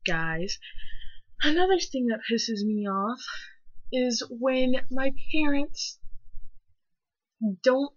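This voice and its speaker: A woman's voice: high-pitched, expressive, extremely slow, long pauses, dry recording. A teenage girl ranting to her laptop, profane and sarcastic. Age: teens. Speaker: vlogger. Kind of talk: ranting vlog. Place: indoors at a laptop. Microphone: laptop mic. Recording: dull lo-fi laptop audio.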